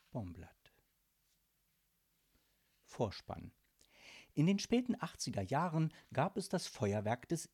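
A man narrating a children's audiobook in an expressive storytelling manner. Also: mid-range voice, husky. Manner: warm storytelling, varied and expressive.

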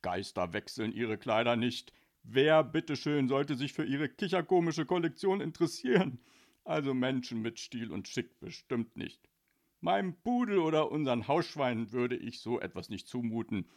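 A man voicing a snooty, mocking fashion boss in a children's audiobook, sneering loudly and haughtily. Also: medium pitch, animated, normal speed, lightly acted.

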